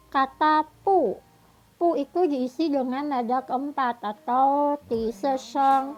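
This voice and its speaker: A high-pitched woman gives a recorded Mandarin lesson at an unhurried pace. She sounds out each example sentence with care and repeats it as a drill. Soft music plays faintly behind her. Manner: slow, careful pronunciation drills with repeated examples. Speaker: Mandarin teacher.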